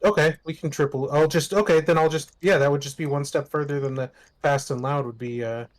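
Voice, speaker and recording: A man's voice: fairly high pitch, fairly even intonation, a little fast. A man bantering casually while playing a game on a stream, joking and exclaiming. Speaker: co-player in a livestreamed game.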